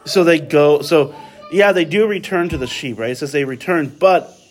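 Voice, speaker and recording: A man's voice: on the high side, moderate pace. A man leading a casual Bible study, talking conversationally and often checking in with his listeners with tag questions.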